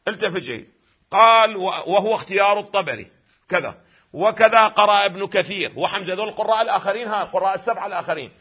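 A man lecturing as a religious scholar in an Iraqi Arabic accent, posing questions to his listeners and answering them himself, at times emphatic and loud. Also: sits high, muffled recording. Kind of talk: lecture on Quranic readings.

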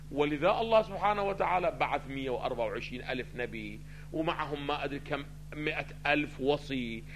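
A man teaching a theology lesson, asking his listeners questions and answering them himself, swinging between loud stressed phrases and quiet asides. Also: a little high, slight background noise. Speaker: religious teacher. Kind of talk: theology lecture mixing classical and colloquial Arabic.

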